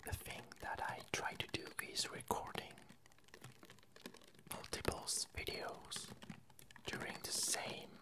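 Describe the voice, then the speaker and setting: A woman who makes and hosts ASMR videos whispers a casual update in short, halting phrases broken by pauses. Ice cubes clink in the background.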